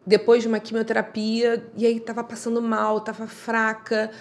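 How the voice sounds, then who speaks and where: A woman's voice: a little high, completely flat delivery, normal speed. A woman guest telling her story in a heartfelt, reflective way, often acting out remembered lines of dialogue. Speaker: podcast guest.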